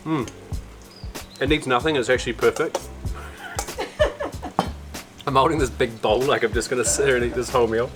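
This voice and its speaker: A young man in casual vlog chat, relaxed and chatty, talking while tasting food. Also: medium pitch, normal speed, pauses often, over music. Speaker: travel vlogger.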